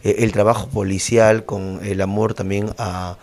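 A man, interviewing a guest on local TV with formal, measured questions. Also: lowish voice, little pitch movement, a little mellow.

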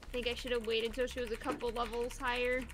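A woman's voice: a little high, little pitch movement, quick pace, loud music behind the voice. A woman gaming with friends, cheerful and chatty, with mild exclamations. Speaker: gamer. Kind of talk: casual gaming chat.

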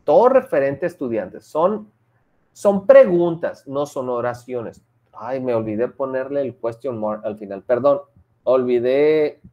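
A woman's voice: a bass voice, lively intonation, measured pace, highs cut off. A woman teaching an English class online, explaining patiently step by step and mixing English example sentences into her talk.

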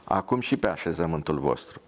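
A man's voice: a bass voice, expressive. A man voicing a bitter, paralysed young soldier who speaks angrily and sarcastically. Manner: angry, sarcastic.

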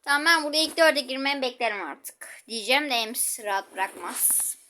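Brief: woman gaming host, high pitch, chatty live commentary with sharp exclamations. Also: expressive, brisk. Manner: chatty, exclaiming, talks to viewers while playing.

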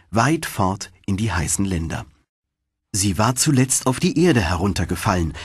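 In a husky, lowish voice, a male narrator relates a fairy tale with deliberate, highly animated storytelling. The recording has no echo and feels dry and intimate, much like audiobook studio work.

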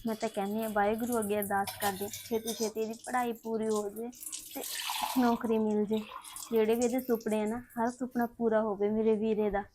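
An actress playing a young woman of a poor village family, crying and talking in a soft, subdued, pleading voice. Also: fairly high pitch, flat delivery, fairly quick, slight background noise, lightly acted. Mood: prayerful. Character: tearful elder sister of a poor family, self-sacrificing. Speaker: actress in a short family drama.

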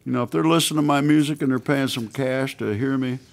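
The creaky, medium-pitched voice of a US guest musician in his sixties moves fast with fairly even intonation. He's relaxed during a casual chat in a small radio studio, saying "man" and "you know" often, recorded on a stand mic at the guitar.

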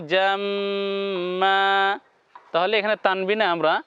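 A man gives a slow, step-by-step Quran reading lesson, spelling out each syllable before chanting the full words. His voice is a little high and fairly bright, with no room sound and the highs cut off.

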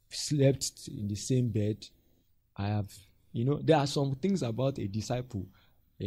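A pastor mentoring a group tells animated stories in a medium-pitched, slightly rough voice. He acts out the characters' voices and laughs often.

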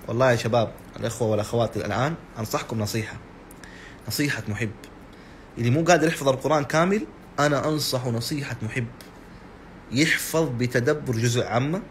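A man's voice: mid-range voice, slight background noise. A man preaching informally, who answers his viewers' comments in an earnest and exasperated way. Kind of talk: informal religious talk on a live stream.

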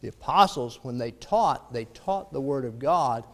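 A man's voice: medium pitch, lively intonation, measured pace. A male preacher gives a Bible lesson in a church, reading scripture aloud with rising emphasis. He then explains the passages in a plain teaching voice, with an occasional "uh" between thoughts. His mid-range voice rings with the long reverb of the hall. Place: church auditorium.

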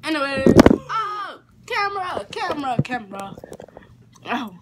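High-voiced young woman, blunt teasing. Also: very animated, unhurried. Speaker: prank-call vlogger. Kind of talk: casual chat, joking banter. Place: bedroom, camera on the bed at arm's length. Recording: noisy home camera audio.

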